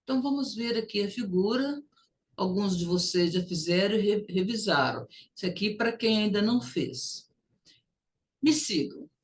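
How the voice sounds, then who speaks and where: A woman's voice: mid-range voice, expressive, moderate pace. A woman English teacher, leading a recorded lesson and drawing out phrases for students to repeat.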